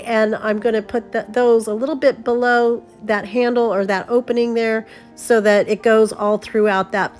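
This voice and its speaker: Slightly high yet darkish in tone, this middle-aged craft vlogger sounds stuffed up with a cold. Still cheerful and talkative, she walks through a DIY project and exclaims over gifts.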